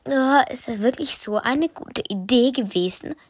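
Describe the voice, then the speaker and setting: A woman's voice: on the high side, a little slow. A woman voicing a vain, easily frightened female budgie in a storybook, indignant and stuttering. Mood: nervous.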